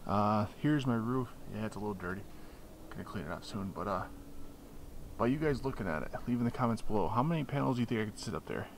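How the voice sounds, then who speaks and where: A fast-talking, expressive man in his thirties with a lowish voice vlogs a casual tour of an RV, inside and then outdoors on its roof. There's a little hiss or hum from his handheld camera mic, and his delivery rambles with many fillers.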